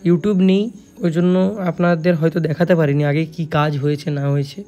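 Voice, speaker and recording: Speaking with a flat delivery at a moderate pace, this young speaker repair shop vlogger has a slightly high, mellow voice and a West Bengal accent. He explains things to viewers casually, restarting phrases and checking in often, over a noticeably noisy phone recording.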